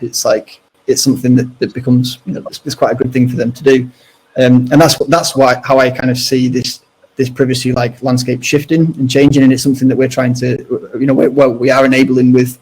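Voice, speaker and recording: A man's voice: medium pitch, darkish tone, slightly rough, low-quality recording. A man speaking as a guest on a webinar, talking casually with a lot of restarts, fillers and hedges. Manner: halting, full of restarts and fillers.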